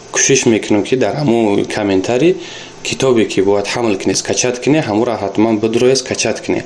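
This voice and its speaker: Low-voiced man teaching a language lesson. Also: a little mellow. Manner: patient, repeats each example word and explains it.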